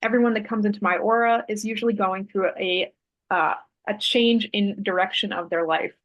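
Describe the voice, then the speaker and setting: A woman's voice: mid-range voice, fairly even intonation, moderate pace, fairly bright tone, highs cut off. Chatty woman telling a story. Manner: thoughtful, meandering, with fillers and self-corrections. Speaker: interview guest, artist and Human Design author. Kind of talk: relaxed conversational storytelling.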